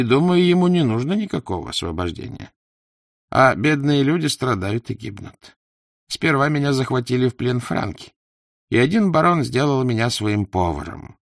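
A man's voice: medium pitch, dry recording, clean studio sound, pitched above the performer's own voice. A man voicing a plaintive, wheedling older male merchant held as a slave, sighing and complaining as he talks. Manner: whiny, sighing, fast-talking complaints.

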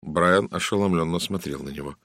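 A man narrating an audiobook in an even, restrained first-person voice. His voice is very low and deep. The recording is close and dry, with no room sound. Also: a little fast, dry recording. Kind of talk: scripted narration.

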